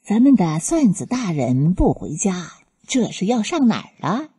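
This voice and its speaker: A woman voicing a young man who teases his younger friend in a soft, hushed, affectionate way. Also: deep voice, animated, fast, breathy edge, full character voice. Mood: teasing. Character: teasing, affectionate young man, an older-brother figure.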